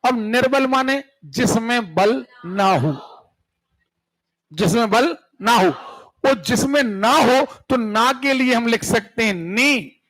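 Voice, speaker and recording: Slow, very high-voiced Hindi grammar teacher. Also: male voice, fairly bright tone, low-quality recording. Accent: central Indian Hindi. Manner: keeps checking the class with "clear hai?" and "sun rahe ho?". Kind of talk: classroom lecture.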